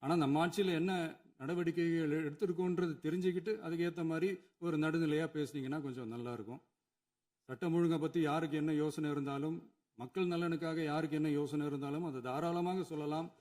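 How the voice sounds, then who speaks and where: Man, chief minister, addressing the assembly; slightly high voice, firm, drives points home by repeating them. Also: fairly even intonation, fairly quick, a little mellow. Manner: emphatic, builds points through repetition. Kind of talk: formal assembly speech. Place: legislative assembly hall.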